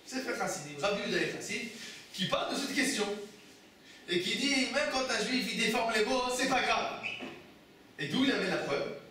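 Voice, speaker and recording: A man's voice: extremely high pitch, lively intonation, normal speed, sharp tone, slight background noise. A man, a rabbi, teaching a Torah class, asking his students questions and answering them himself. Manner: explains texts with repeated phrases and restarts. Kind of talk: Torah study lesson. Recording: echoey room, mic far off.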